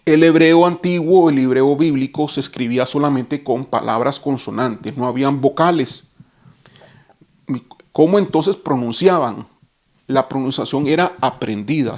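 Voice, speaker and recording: A man's voice: mid-range voice, darkish tone. A man teaching a Bible lesson, explaining each term step by step and stopping to correct himself.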